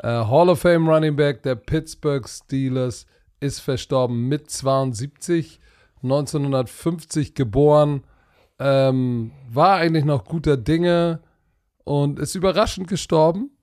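A man's voice: fairly high pitch, a little slow, a little mellow. A man hosting a podcast in a casual, chatty style. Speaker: podcast host.

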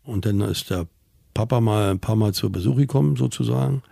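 A middle-aged man recounts his own story in an interview, blunt, colloquial and emotionally charged. His voice is deeply gravelly, dark and husky. The recording is close and dry. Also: fairly quick, dry recording. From Berlin, Germany. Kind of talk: personal testimony in an interview.

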